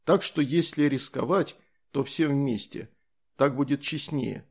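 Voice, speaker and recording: A man voicing a calm, easygoing soldier in an audiobook, explaining things in a matter-of-fact way. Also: mid-range voice, a little slow, gravelly, husky.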